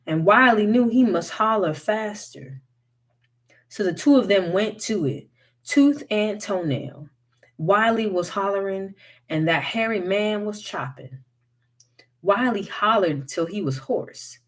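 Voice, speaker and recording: A woman reading a folktale aloud as a storyteller, in an unhurried, expressive way. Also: mid-range voice.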